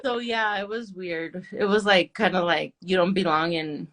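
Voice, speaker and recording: A woman, a nail artist chatting candidly as an interview guest, relaxed and full of "like" and "um". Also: on the low side, moderate pace. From Orange County, California. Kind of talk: casual interview chat.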